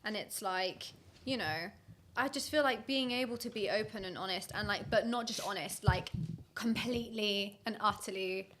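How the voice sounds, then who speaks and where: A woman's voice: mid-range voice, normal speed, a bit bright, slight background noise. A woman in a casual podcast chat, earnestly talking through her views at length.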